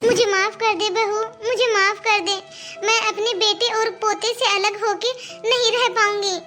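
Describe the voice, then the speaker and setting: A woman voicing an old grandmother in a cartoon, who is pushed around by her family and talks with a high, thin voice. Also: little pitch movement, moderate pace, pushed and bright. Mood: pleading. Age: older. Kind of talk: cartoon voice acting.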